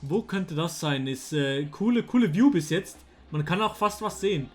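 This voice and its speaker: A young man, talking casually to his chat while playing a guessing game, excitable and slangy. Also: a little high, normal speed. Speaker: streamer. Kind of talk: casual gameplay commentary. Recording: faint music underneath.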